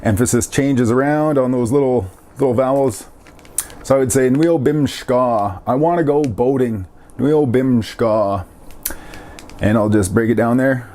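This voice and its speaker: This is a man teaching a casual language lesson. His voice is mellow and dark, at an ordinary pitch for a man. He says each word slowly and more than once, and adds easygoing little jokes as he goes. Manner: repeats words slowly and jokes lightly.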